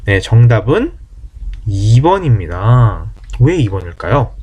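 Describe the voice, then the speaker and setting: A man teaching an online German lesson, explaining quickly and then saying German words slowly and clearly, with many questions put to his listeners. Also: lowish voice, big pitch swings, a little mellow.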